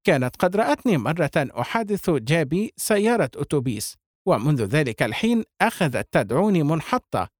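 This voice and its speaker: Lively male audiobook reader. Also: fairly high pitch, brisk, no echo, studio quality. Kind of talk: scripted novel narration.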